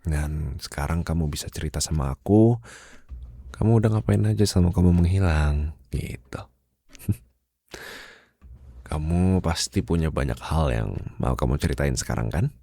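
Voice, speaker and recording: A young man speaking softly and intimately in a whispered role-play as a boyfriend, laughing often, close to the mic. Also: very deep voice, unhurried, gravelly, pauses often, no echo. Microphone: close condenser mic.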